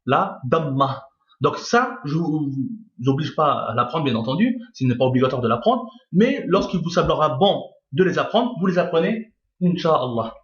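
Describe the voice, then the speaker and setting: A man teaches a reading lesson in a patient, repetitive way, stopping often to check that his listeners follow. His voice sits a little high for a man. The recording is dull and lo-fi, with a roomy echo around him. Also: animated, normal speed. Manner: patient, repeats each point and checks with "d'accord?". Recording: lo-fi echoey room.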